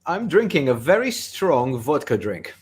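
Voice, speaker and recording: A man on a comedy video call with a dry, deadpan delivery, stumbling over restarts. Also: mid-range voice, measured pace, husky. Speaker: comedy troupe member. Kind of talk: casual video-call chat.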